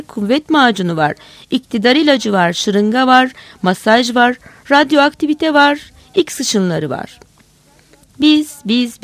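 A woman's voice: sits high, no echo, pitched above the performer's own voice. A woman chanting as a boastful chorus of scientists.

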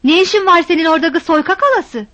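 A woman's voice: extremely high pitch, expressive, fast talker, sharp tone, dry recording, voice pushed up, exaggerated voice. A woman voicing a frantic village mother who shrilly scolds and calls for her daughter.

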